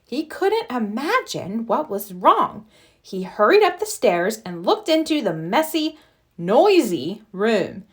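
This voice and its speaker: Animated woman reading a children's story. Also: fairly high pitch, takes it slowly. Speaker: storybook reader. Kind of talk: expressive read-aloud narration of a children's story.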